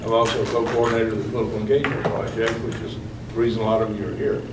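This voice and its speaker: A man from Texas speaks as a political science professor, circling back and repeating himself as he talks. He sits far from the mic in an echoey hall, with room noise clearly heard. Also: fairly low pitch, little pitch movement, rapid-fire.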